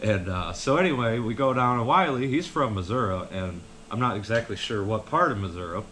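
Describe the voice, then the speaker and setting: In a lowish, pushed, bright voice, this man tells meandering personal stories with plenty of expression and a slightly quick pace. He's a vlogger with a folksy, rambling style, and the audio has a bit of hiss or hum.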